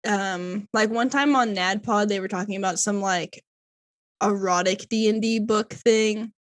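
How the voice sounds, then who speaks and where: A woman's voice: mid-range voice, steady tone, unhurried, no room sound. A woman co-hosting a podcast in casual chat, rambling and laughing often. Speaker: podcast co-host.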